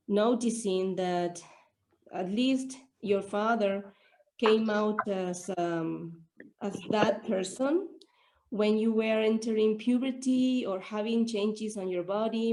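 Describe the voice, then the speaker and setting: A woman with a mellow, medium-pitched voice asks questions at an online Q&A, heard on a rough recording. English isn't her first language, so she hesitates and searches for her words.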